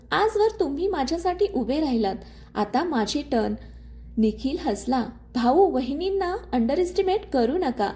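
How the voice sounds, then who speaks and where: High-pitched mellow woman narrating a story. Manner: reads all the characters' dialogue in her own voice.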